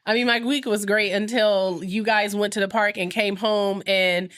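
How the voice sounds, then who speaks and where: A woman in her thirties with a stuffy, congested nose, hosting a casual podcast with animated, teasing banter. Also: medium pitch, normal speed. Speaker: podcast host.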